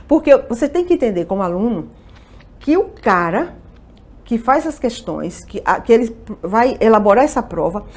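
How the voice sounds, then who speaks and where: A woman's voice: on the high side, very animated, normal speed, darkish tone. A woman walks through exam questions as a Portuguese teacher. She asks questions aloud and answers them herself, and keeps checking that her students follow along. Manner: checks in often with "ok?" and "tá vendo?". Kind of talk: exam-review lesson.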